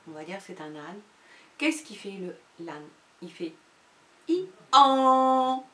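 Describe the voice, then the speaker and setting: A woman teaching a young child a phonics lesson from home, with slow, patient and clearly articulated sounds. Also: mid-range voice. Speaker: primary school teacher. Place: home with pets. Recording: roomy echo, distant from the mic, faint noise.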